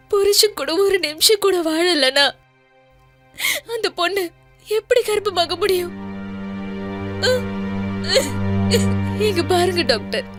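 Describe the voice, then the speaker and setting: A woman's voice: extremely high pitch, a bit bright. An actress playing a distraught young married woman, crying and pleading in film drama dialogue. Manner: pleading, desperate.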